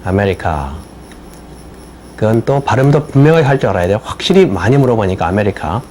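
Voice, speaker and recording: An older man, an attorney and native Korean speaker, giving a slow explanatory lecture on citizenship English and spelling words out letter by letter. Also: fairly low pitch, very animated, a little mellow, a little hiss or hum. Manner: spells words letter by letter, repeats phrases slowly.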